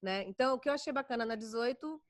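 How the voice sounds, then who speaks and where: A woman's voice: on the high side, fast talker, dry recording. A middle-aged woman with a Brazilian accent, a voice actor chatting in an interview. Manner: animated, chatty, many fillers. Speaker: voice actor guest. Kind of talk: casual interview chat.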